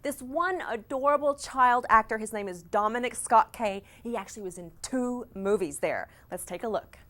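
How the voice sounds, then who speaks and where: A woman's voice: fairly high pitch, lively intonation, moderate pace, fairly bright tone. A woman hosting a show, introducing segments in an upbeat presenter style. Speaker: show host.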